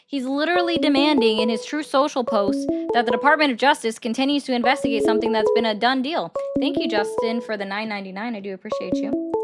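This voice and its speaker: Over loud music, a woman with a slightly high voice runs a political call-in livestream. She's blunt and argumentative with her callers and mocks them readily.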